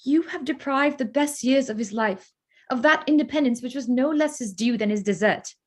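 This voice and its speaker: A woman playing a proud, sharp-tongued young Regency gentlewoman in a staged reading, speaking in pointed, formal phrases. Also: high-pitched, normal speed. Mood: indignant. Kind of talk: staged reading of a period drama.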